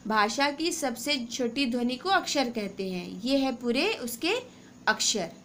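Slow, patient woman teaching grammar. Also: fairly high pitch, lively intonation, a bit bright, slight background noise. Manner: slow, patient explaining with repeated questions to pupils. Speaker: school teacher. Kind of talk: classroom grammar lesson.

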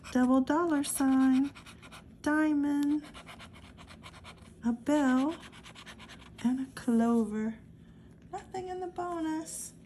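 Woman, high voice, gravelly, very slow steady reading, casual channel host. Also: slight background noise. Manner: slow, steady number-by-number commentary. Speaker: lottery scratch-off channel host. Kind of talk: casual narration reading numbers.

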